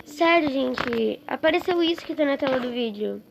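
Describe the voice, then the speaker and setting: A woman chatting excitedly and with exasperation to her viewers while commenting on a game she is playing. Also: high voice, normal speed, creaky. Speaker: gaming streamer. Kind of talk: casual gameplay commentary. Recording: noisy with clicks.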